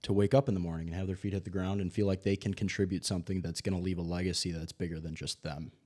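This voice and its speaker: A man in his late twenties co-hosting a casual Bible discussion podcast, relaxed, with wry quips, often trailing off quietly. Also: sits low, quick pace. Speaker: co-host, host's son.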